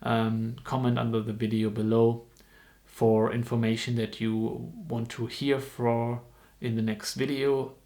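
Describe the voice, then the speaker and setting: A man in his twenties from Germany, studying dentistry, presents an informational vlog casually in his second language, English. His medium-pitched voice is flat in delivery and darkish, and he halts often with ums and restarts.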